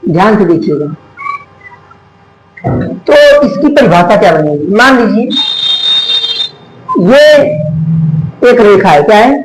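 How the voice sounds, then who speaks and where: A man's voice: sits high, animated, slow pace, pauses often, a little hiss or hum. A man teaching a math lesson who asks the class questions, then answers them himself, stretching out the key words. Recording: echoey room.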